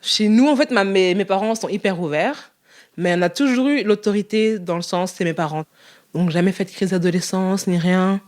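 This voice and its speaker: A young woman in a casual interview, talking candidly in a quick, lively way and laughing often. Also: medium pitch.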